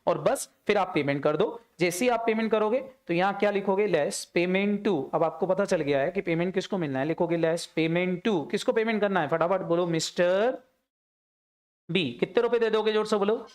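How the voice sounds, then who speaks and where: A man teaching an accounts class, firing quick questions and pushing students to answer aloud. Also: high voice. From India. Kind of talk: classroom lecture.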